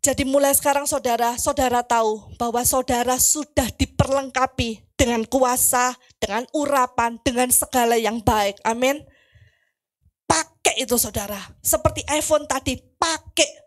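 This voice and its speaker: A woman preacher, giving a fervent sermon with testimony, rising to loud cries. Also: high-pitched, moderate pace. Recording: music playing behind the voice.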